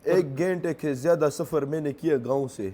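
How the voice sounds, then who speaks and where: A man's voice: a little high, dark tone. Grieving man with a Pashto accent. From Khyber Pakhtunkhwa, Pakistan. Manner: halting, broken phrasing, repeats himself. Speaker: interviewee. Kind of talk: emotional recounting in interview.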